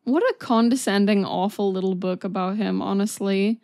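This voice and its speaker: A woman's voice: medium pitch, normal speed, a little mellow, no echo. A woman hosting an anime reaction video, gushing, exclaiming and swearing casually as she watches.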